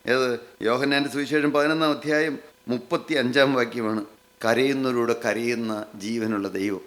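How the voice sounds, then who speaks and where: Man preaching an emphatic, repetitive sermon. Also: medium pitch. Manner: repetitive, emphatic phrasing with slowed, drawn-out lines; addresses listeners directly with questions.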